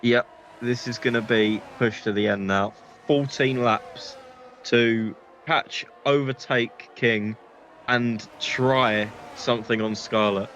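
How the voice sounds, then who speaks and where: A man's voice: mid-range voice, fairly even intonation, takes it slowly, fairly bright tone, a little hiss or hum. Opinionated male motorsport commentator, casual analyst. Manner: opinionated, conversational reactions.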